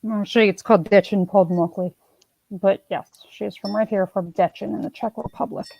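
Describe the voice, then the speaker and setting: A woman chats on her livestream in a meandering, easygoing way. Her voice carries a gravelly vocal fry. The sound is dry and close, with a slightly dull, muffled quality. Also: medium pitch, steady tone, normal speed, a little mellow, dry recording. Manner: chatty, chuckling, trailing off mid-sentence. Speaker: livestream host. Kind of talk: casual livestream chat.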